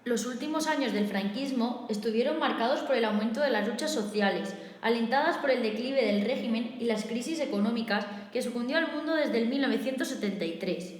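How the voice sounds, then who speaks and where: Spanish-accented teacher in an echoey room. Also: female voice, a little high, a little fast, few pauses. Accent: Spain. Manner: steady, methodical reading with enumerated points. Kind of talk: reading a recorded review lesson. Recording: echoey room with long reverb.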